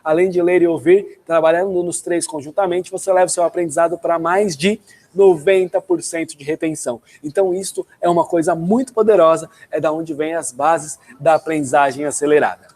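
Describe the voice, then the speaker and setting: High-voiced man in his forties, teaching English online, slows for the examples. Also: fairly even intonation, a little mellow. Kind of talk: online language lesson.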